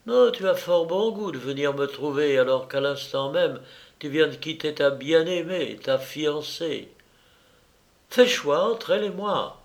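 A man's voice: fairly high pitch, lively intonation, unhurried, a bit bright, voice pushed up. A man voicing a proud, fiery young kept woman who speaks in fierce, cutting words. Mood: scornful.

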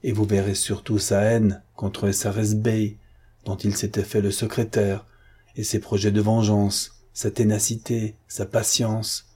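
A man's voice: fairly low pitch, level tone, a little slow, dark tone, husky. A man voicing an old man who explains things steadily and insistently in an audiobook.

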